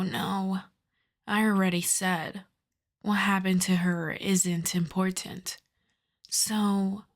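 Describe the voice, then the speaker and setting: Lightly acted and coolly menacing, a woman's possessive, seductive vampire character murmurs through an intimate ASMR roleplay. The pace is very slow and lingering at medium pitch, with soft teasing and frequent breathy half-whispers.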